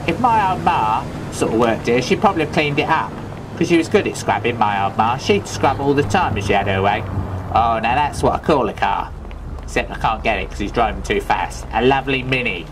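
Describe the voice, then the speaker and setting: Voicing a loveable, daft Cockney thief, a London man with a Cockney accent delivers comedic gameplay commentary full of rambling, chatty, absurd deadpan asides. His mid-range voice sounds natural.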